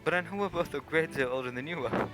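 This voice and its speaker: Guy as polite old-timey doctor sidekick, chatty fast, genial, loud music behind, radio play. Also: a little high, natural voice. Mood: gallant. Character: genial, courteous middle-aged gentleman doctor sidekick.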